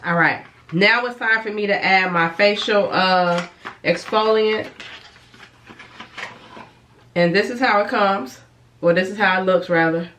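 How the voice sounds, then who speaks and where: A licensed cosmetologist and beauty vlogger, a little congested from a cold, casually talks through a skincare review and demonstration in a rambling, self-correcting way. Her mid-range, fairly bright voice is a little slow and pauses often. The mic is distant and the room echoey.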